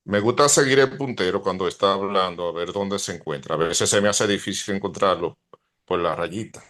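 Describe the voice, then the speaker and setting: A man's voice: low-pitched, fairly quick, fairly bright tone. A man who is a student in an online class, politely asking his teacher for something.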